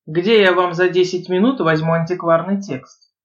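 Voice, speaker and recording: A man's voice: high voice, fairly even intonation, moderate pace, dull audio, lightly acted. A woman reading a snide, mocking young man. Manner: teasing, snide.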